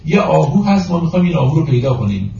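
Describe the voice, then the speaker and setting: Mellow-voiced man teaching classical poetry. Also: a little high, very animated, gravelly, a little hiss or hum. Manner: recites verses slowly and rhythmically, then explains plainly; addresses listeners as friends. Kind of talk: lecture explaining verses. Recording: roomy, distant, muffled recording.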